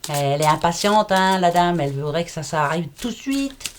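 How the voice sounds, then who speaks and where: A woman's voice: lowish voice, lively intonation, fairly quick, slight background noise. Chatty, slangy woman reading cards. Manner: chatty, familiar, slangy, reassuring. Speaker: card reader. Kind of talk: casual tarot-style card reading.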